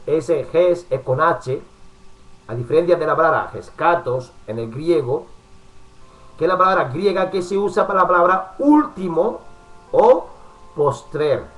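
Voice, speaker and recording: Male preacher, fairly high voice, pastoral Bible-study sermon, chatty asides, soft music underneath. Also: poor audio. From Spain. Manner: warm pastoral address with frequent asides, pausing to work the computer.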